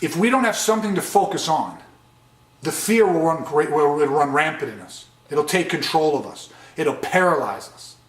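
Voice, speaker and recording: Emphatic male trainer, high voice. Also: lively intonation, moderate pace, reverberant. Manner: earnest, emphatic, repeats key points. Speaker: de-escalation trainer. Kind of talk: training lecture.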